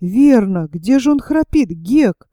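A woman voicing a clever, bossy boy who talks in hushed, knowing, urgent tones. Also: on the high side, expressive, slow, no room sound, studio quality. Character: boastful clever boy, scared but trying to lead.

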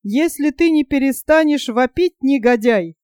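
A reader voicing a bold, gruff monk who curses and shouts orders during a storm. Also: high-pitched, expressive, normal speed, no echo, studio quality. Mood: angry. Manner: shouting, cursing, commanding.

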